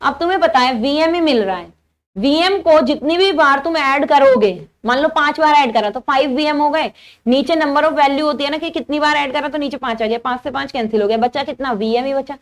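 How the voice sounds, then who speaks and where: Young female lecturer, high-pitched, patient step-by-step explainer who poses and answers her own questions. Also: a little fast. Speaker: teacher. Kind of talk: engineering lecture.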